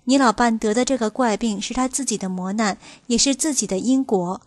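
An older woman reading a first-person account aloud at a steady, even pace. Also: a little high, fairly quick, no echo. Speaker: narrator.

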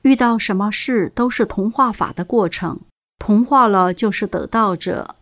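A woman reading a first-person reflection aloud as scripted narration, measured and deliberate. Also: mid-range voice, a bit bright. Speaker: reader.

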